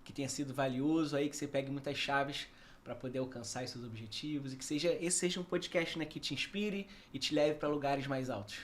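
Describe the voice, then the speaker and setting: Male co-host, speaks quickly and affirmingly, light noise underneath. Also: medium pitch. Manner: affirming, warm praise of guest, quick interjections. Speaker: podcast co-host. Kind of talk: casual interview talk.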